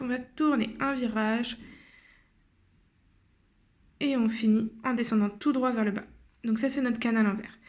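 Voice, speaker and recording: A woman teacher guiding young children through cursive handwriting step by step, slowly and patiently, with frequent hesitations. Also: on the high side. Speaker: primary school teacher.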